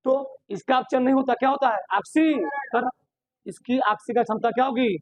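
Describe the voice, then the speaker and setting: A man's voice: very high voice, normal speed, no echo. A man teaching a chemistry class in Hindi. He keeps posing questions to his students, answers them himself, and repeats key terms for emphasis. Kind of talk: classroom lecture.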